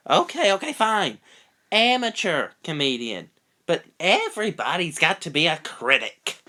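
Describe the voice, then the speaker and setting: A man's voice: fairly high pitch, very animated, unhurried, sharp tone, voice pushed up, heavily acted. A man voicing a wisecracking talking banana who makes sarcastic jokes. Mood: snarky. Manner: sarcastic, fourth-wall jokes. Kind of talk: fan cartoon parody voice acting.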